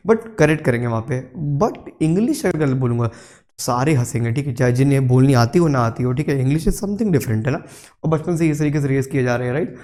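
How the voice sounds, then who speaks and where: A man's voice: fairly high pitch, warm tone. A young man giving a casual spoken English lesson, mixing languages and often checking in with "theek hai". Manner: mixes Hindi and English, keeps adding "theek hai".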